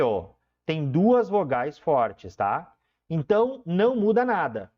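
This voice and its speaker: A man gives an online lesson in a slightly raised, very animated voice. He stretches out key words and keeps checking in with his students. The recording sounds dull and lo-fi. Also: a little high. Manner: explains step by step, keeps checking in with "tá?"; drawn-out emphasis on key terms. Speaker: teacher.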